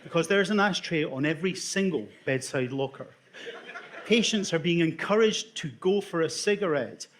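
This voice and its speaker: A middle-aged Scottish man speaks to an audience, his voice pitched a touch higher than most men's. He tells stories with lively, dry humour, as a doctor who has worked in emergency care. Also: moderate pace, slight background noise. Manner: storytelling with humour, lively delivery. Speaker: emergency department consultant. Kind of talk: talk to an audience.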